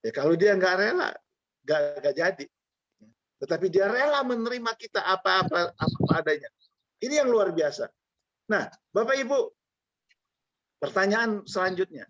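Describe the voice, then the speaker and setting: Conversational preacher, dull lo-fi sound. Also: male voice, high voice, sing-song, normal speed, pauses often, fairly bright tone. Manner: conversational, jokey asides to the congregation. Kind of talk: sermon.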